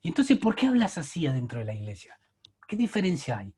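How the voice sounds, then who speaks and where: A man's voice: fairly high pitch, huge pitch swings, fast, a little mellow, breathy edge. A man with an Argentine accent, a catechist giving an emphatic preaching talk full of rhetorical questions. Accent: Argentine Spanish. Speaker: catechist leading a church workshop.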